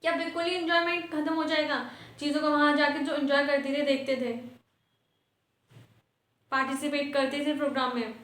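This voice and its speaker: A woman's voice: sits high, level tone, a little fast, fairly bright tone, roomy sound. A woman playing a strict teacher in a comedy sketch, lecturing and scolding her class.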